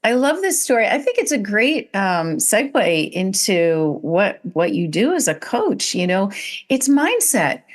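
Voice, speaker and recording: Lively-voiced woman podcast host. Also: medium pitch, measured pace. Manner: enthusiastic, reactive interjections. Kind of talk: casual interview.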